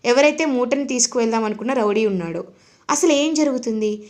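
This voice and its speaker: A woman narrating a TV serial recap, telling the story in a lively way and mixing in English words. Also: a little high, a little fast.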